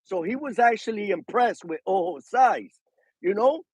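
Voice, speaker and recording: Lively high-voiced man, animated storyteller. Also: moderate pace, slightly rough, no room sound, poor audio. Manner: animated storyteller, mixes in Spanish. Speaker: boxing show guest. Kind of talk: casual chat.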